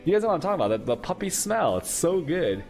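A man's voice: sits high, very animated, fast talker, creaky, darkish tone. A man streaming, rambling playfully to his chat with faint music behind him. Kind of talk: casual gaming stream chat.

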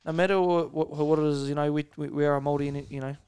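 A man with a New Zealand accent, co-hosting a casual podcast chat, excitable and laughing often, tripping over his words. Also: fairly high pitch, racing, clean tone. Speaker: podcast co-host.

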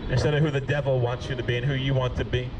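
A man preaching in the open air by a street, pleading and rebuking by turns, at times shouting and then dropping low. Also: little pitch movement, rapid-fire. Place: outdoors by a street with passing traffic. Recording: outdoor street noise, traffic. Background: cars passing.

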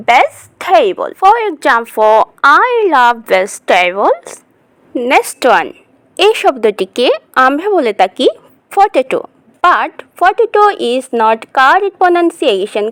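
High, lively woman teaching pronunciation. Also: no echo. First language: Bengali. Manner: switches between Bengali and English, repeats model words slowly. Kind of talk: pronunciation lesson vlog.

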